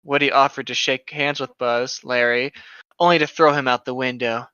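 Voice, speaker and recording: Reading internet horror stories aloud and poking fun at them, this podcast co-host keeps the banter casual and playful. His voice is mid-range, steady, pushed and bright at a moderate pace; the tone is clean with no echo, though the home microphone sounds slightly dull.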